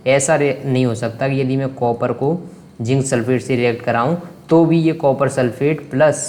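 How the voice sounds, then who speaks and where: A man's voice: mid-range voice, darkish tone. A man teaching a science lesson online in a chatty, theatrical way. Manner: chatty and theatrical, sings and hums while working.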